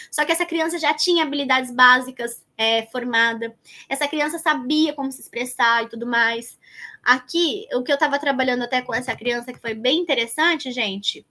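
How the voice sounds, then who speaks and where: A Brazilian woman with a high voice explains her teaching method in an online lesson. Her tone is bright and clear, and she talks to viewers as if they were sitting beside her, often thinking aloud as she searches her notes. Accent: Brazilian Portuguese. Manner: conversational, addresses viewers directly, thinks aloud. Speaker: educator teaching child development planning.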